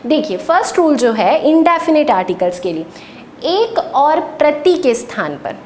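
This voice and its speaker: A woman's voice: big pitch swings, normal speed, darkish tone. A woman teacher, giving a patient classroom lecture and answering her own questions. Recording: echoey room with faint rumble.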